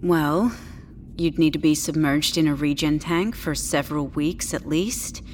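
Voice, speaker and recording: In an audio drama, a woman with a fairly low voice plays a doctor at a futuristic clinic, sounding measured, professional and clinical. Her intonation stays fairly even as she hesitates politely and carries a tactful condescension. Faint ambient noise runs behind her.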